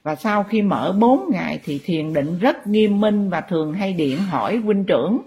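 Husky-voiced woman teacher. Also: mid-range voice, animated, dark tone. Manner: halting, many fillers, explains to listeners. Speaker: spiritual teacher. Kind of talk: storytelling sermon to followers.

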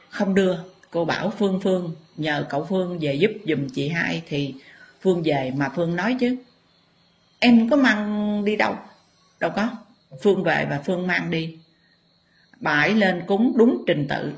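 A woman spiritual teacher tells her viewers stories in a low voice. Her delivery is emphatic and impassioned, and she leans hard on her points. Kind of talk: dramatic storytelling to viewers.

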